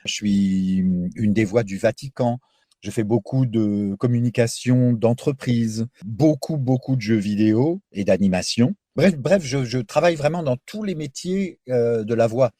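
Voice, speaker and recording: Mellow-voiced French voice actor. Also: male voice, medium pitch, a little slow, no room sound, studio quality. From France. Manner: animated, talkative, explains with examples. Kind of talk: radio interview. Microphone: studio microphone.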